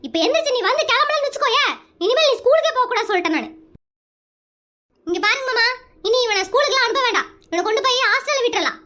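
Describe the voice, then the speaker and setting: A performer voicing a frazzled young mother in a cartoon comedy, nagging and yelling threats at her sleepy son. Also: extremely high pitch, animated, fast, exaggerated voice. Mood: scolding. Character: scolding frazzled young mother, shrill temper. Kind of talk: Tamil cartoon comedy dub.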